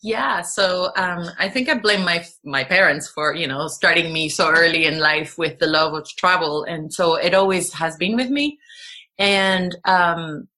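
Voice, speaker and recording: A woman's voice: lowish voice, a little slow, pushed and bright. A young woman from Venezuela, a guest telling her story in a rambling, casual way with many fillers and restarts. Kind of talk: casual conversational interview.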